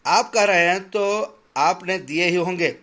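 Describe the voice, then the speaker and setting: A frightened young governess who answers her master in a trembling, halting voice, as a man puts her on while reading a story to a class. She sounds meek and eager to avoid trouble. The reader keeps her close to his own voice, only a touch higher. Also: bright, forceful tone. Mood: tearful. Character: timid young governess woman, tearful and fearful.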